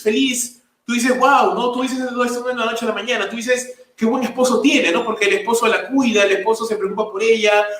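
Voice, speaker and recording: A male pastor delivers a sermon in an emphatic preaching style, piling up lists. His voice sits high for a man. He is heard from some distance in a church that rings with heavy echo. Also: fairly bright tone. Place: church sanctuary. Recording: very echoey room, voice from a distance.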